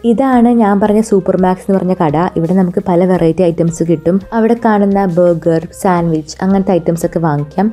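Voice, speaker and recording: Narrating her travel vlog in Malayalam peppered with English, a Malayali-accented woman talks fairly quickly and barely pauses. Her pitch is fairly low and her tone mellow, and music runs under her voice.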